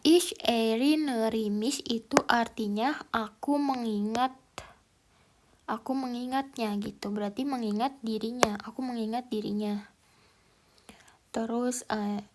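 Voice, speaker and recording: A woman teaching a language lesson in a casual, explanatory way, hesitant and thinking aloud with many fillers. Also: a little high. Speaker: German language tutor.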